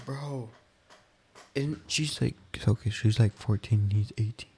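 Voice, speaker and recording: A man's voice: on the low side, a little slow, creaky, dark tone, a little hiss or hum. A sleep-deprived, tired man giving casual, off-the-cuff reaction commentary with slangy, repetitive exclamations. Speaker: reaction video host.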